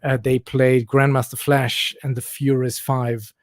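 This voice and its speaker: A man's voice: medium pitch, a little slow, dry recording. Man in his forties, dry sound. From Germany. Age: 40s. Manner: relaxed storytelling, laughs often. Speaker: guest DJ. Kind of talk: casual chat.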